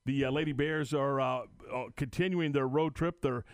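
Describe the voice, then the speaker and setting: A man hosting live sports radio talk, conversational and halting as he works through his points. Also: medium pitch, fairly even intonation, clear, resonant tone, dry recording, studio quality. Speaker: sports radio show host.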